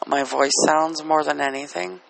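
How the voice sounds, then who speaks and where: A man's voice: fairly high pitch, steady tone, moderate pace, gravelly, slight background noise, rough recording. A man with a dry throat rambling casually and candidly as a solo podcast host, often putting himself down. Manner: candid and self-deprecating. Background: soft relaxing music.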